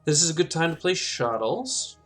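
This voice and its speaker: A man's voice: a little high, sing-song, moderate pace, fairly bright tone, faint music behind. Man thinking aloud over a game. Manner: thinks aloud, talks himself through choices. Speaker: gameplay commentator. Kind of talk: casual let's-play commentary.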